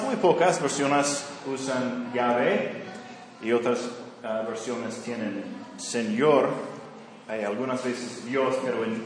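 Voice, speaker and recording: A man's voice: mid-range voice, slight background noise. A man teaching a Bible study lesson, using fillers and often checking in with his listeners. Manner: frequent fillers and check-in questions. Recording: echoey hall, voice from far off.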